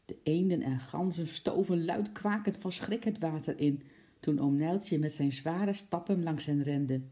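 Een verteller leest een kinderboek voor, levendig en expressief. De stem is heel donker, zacht en warm van klank. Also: medium pitch, unhurried. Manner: lively, expressive reading. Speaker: narrator. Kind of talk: storybook reading.

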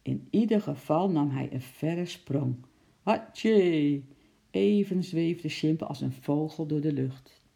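Dark, gravelly storybook narrator. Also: medium pitch, unhurried. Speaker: audiobook narrator. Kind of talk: children's story reading.

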